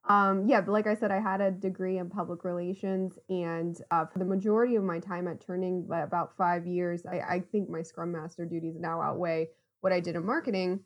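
A woman's voice: lowish voice, steady tone, a little fast, muffled recording. A woman, a guest chatting in a casual podcast interview, friendly and laughing often. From Ohio, USA. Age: 30s.

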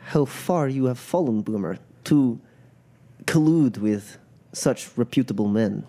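A man playing a proud, bitter captive crime boss in a tabletop game, speaking in measured, formal, disdainful phrases. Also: mid-range voice, expressive, dark tone. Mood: cold scorn.

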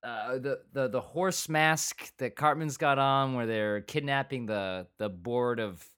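A man's voice: medium pitch, a little slow, a bit bright, smooth. A man co-hosting a podcast, chatting casually about a TV episode and drifting into quoted asides. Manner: rambling, full of restarts and quoted asides. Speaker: podcast co-host. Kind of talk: casual review chat.

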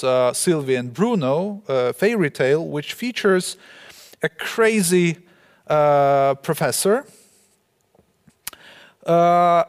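Man, academic lecture, unhurried and halting, echoey hall. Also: on the high side. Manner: halting, measured, with frequent pauses.

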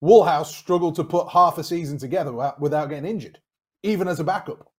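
A man's voice: a little high, quick pace. A man co-hosting a sports podcast who challenges the others' picks as devil's advocate. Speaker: podcast co-host. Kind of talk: casual sports chat.

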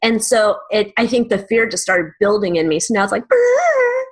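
A woman's voice: medium pitch, fairly quick, slightly rough. A middle-aged woman co-hosts a casual podcast. She talks bluntly and swears freely. She jokes her way through her stories. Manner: blunt, profane and joking. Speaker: podcast co-host.

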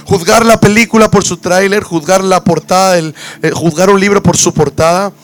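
High-voiced man preaching a sermon. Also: fairly even intonation, normal speed. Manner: emphatic, repeats key phrases. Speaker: pastor. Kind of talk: sermon with scripture reading and prayer.

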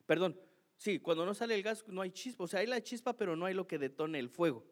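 Self-mocking preacher, slightly high voice. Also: male voice, animated, fast talker. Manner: self-mocking, chatty, keeps asking "¿no?". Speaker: pastor. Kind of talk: sermon with a humorous personal story.

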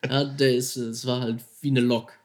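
An angler with a medium-pitched voice, speaking at a moderate pace, excitedly tells how he caught a huge fish. His casual, slangy story is animated, and he acts out his own thoughts and phone calls.

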